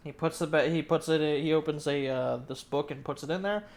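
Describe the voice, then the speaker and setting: A man's voice: on the high side, a little fast, slight background noise. Man narrating as dungeon master. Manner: relaxed, filler-heavy explaining. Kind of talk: narrating a tabletop game.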